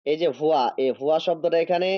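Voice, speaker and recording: Man, teacher, online Arabic grammar lesson, slow drawn-out word reading, fairly high voice, dull dry audio. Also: fairly even intonation, no room sound. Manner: explains step by step, checks if students follow. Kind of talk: online class lecture.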